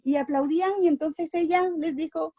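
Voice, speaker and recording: A woman with a Spanish accent from Spain, an oral storyteller and educator, telling a children's story in an animated way that moves between bright and hushed. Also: high voice, moderate pace, no echo.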